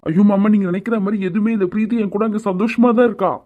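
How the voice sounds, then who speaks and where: A defensive young husband. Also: male voice, sits high, steady tone, very fast. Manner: pleading, defensive. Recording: tinny phone-like lo-fi audio.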